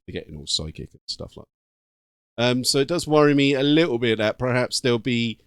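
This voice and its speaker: A man's voice: medium pitch, big pitch swings, a little fast, clear, resonant tone, dry recording, clean studio sound. A British man hosting a gaming channel, giving casual, slangy reaction commentary in an informal way. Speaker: YouTube gaming channel host.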